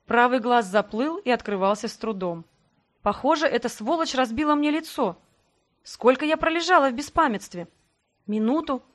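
A woman reading a first-person fantasy audiobook in a dramatic, expressive way. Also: on the high side. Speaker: audiobook narrator.

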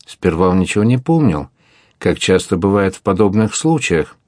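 A man narrating an adventure novel as an audiobook, reading in a measured, dramatic way. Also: low-pitched, very animated, a little mellow, no echo, studio quality. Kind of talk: scripted narration.

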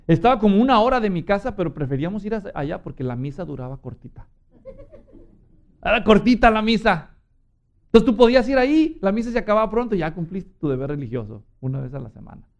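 A Mexican man preaching a sermon with animated storytelling and acted-out voices. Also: sits high, lo-fi sound.

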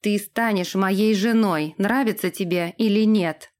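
A woman's voice: mid-range voice, a little slow, a little mellow, close to an everyday voice. A woman doing a stern young lord. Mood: commanding. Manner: commanding, firm.

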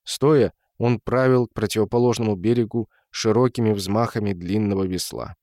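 A man's voice: on the low side, fairly even intonation, moderate pace, darkish tone, no room sound. Man reading a story, dry and close. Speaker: narrator. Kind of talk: audiobook reading.

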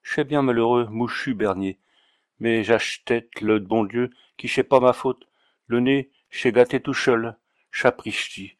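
A man voicing a coarse, drunken male water carrier from Auvergne who lisps his s-sounds as 'ch' and pleads slowly in an audiobook reading. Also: mid-range voice, no echo, clean studio sound, natural voice. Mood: pleading. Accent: Auvergnat slur, 'ch' for 's'. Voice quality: slurred lisping 's' as 'ch'. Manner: slow, whiny and pleading.

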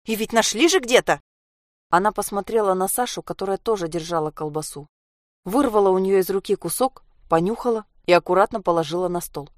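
A woman reading a story aloud in a steady narrating manner. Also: fairly low pitch, no room sound, clean studio sound. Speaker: reader.

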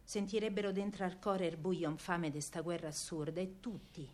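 An actress plays a feisty working-class woman of wartime Rome, telling her own story in an earthy, colloquial Roman accent as a dramatic radio monologue in dialect. Her voice is lowish, darkish and steady at normal speed, close to everyday speech, and the mood is hushed and grief-stricken.

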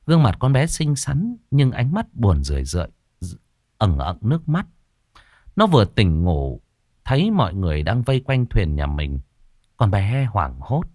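A man narrating a ghost story in a dramatic, expressive way. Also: fairly low pitch, normal speed, no room sound, clean studio sound. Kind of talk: scripted horror narration.

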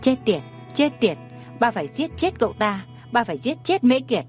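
A woman's voice: on the high side, sing-song, moderate pace, faint music behind. A woman voicing a raging, violent middle-aged father in a storybook reading, threatening.

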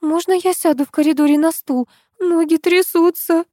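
Casting: a timid young wife in shrill, panicky cries, put on by a woman narrator; very high, loud, a dry close sound. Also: slow pace, no echo. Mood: shaky.

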